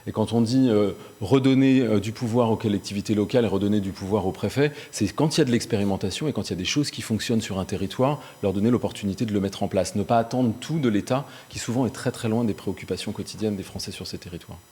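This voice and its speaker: Fast-talking low-voiced man debating. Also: warm tone. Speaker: local campaign representative debating. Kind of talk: televised political debate. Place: local TV studio.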